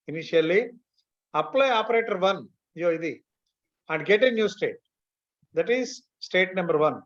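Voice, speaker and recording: A man with a Telugu Indian accent teaching an online class step by step, mixing Telugu and English and often checking that students follow. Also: sits high. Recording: dull, lo-fi online class audio.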